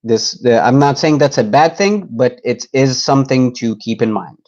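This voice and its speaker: A man's voice: mid-range voice, moderate pace, darkish tone, muffled recording. A young man giving a casual, joking live tour, talking in an easygoing, rambling way.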